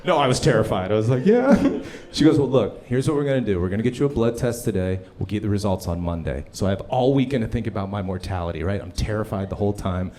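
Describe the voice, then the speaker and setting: A man's voice: on the low side, fast, slight background noise. A man doing a stand-up comedy set on a club stage, telling a story and acting out the voices of the people in it. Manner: animated storytelling, acts out voices.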